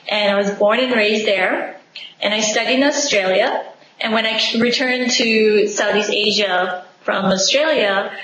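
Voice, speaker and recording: A young Singaporean woman with a mid-range voice is an interview guest on a video call from her living room at home. She's enthusiastic and expressive and laughs often. The webcam audio sounds echoey, with faint background noise.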